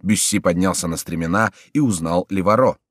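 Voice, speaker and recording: A man reading an adventure novel aloud as an audiobook narrator, raising his voice to act out the characters' shouted lines. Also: sits low, a little fast, no echo, clean studio sound. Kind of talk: audiobook reading with acted dialogue.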